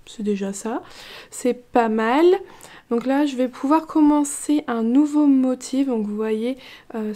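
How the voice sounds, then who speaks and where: In a chatty, casual vlog, a relaxed knitting vlogger talks through her knitting, meandering easily and unhurriedly with fillers and restarts. Her voice is mellow and somewhat high.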